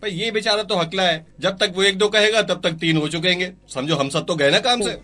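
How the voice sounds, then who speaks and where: A man's voice: high voice, a little fast, bright, forceful tone. A man dubbing a chatty young soldier who jokes and teases his comrades. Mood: teasing. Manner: teasing, chatty. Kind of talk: film dub.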